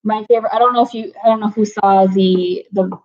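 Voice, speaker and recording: A woman talks casually to her livestream audience from home, greeting chatters by name. Her pitch sits in a middle range. The audio is dull and lo-fi, like a home stream. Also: fairly even intonation, fairly quick, a little mellow. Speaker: livestream host.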